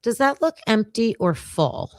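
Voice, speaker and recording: Slow, halting woman livestream host. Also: on the high side, animated, no echo, clean studio sound. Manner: halting, many fillers, laughs often. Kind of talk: casual livestream case discussion.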